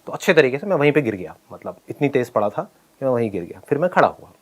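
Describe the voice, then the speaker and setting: Animated Hindi-speaking man telling a story. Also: medium pitch, fast talker. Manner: animated, laughs while telling, acts out quoted lines. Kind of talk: casual storytelling.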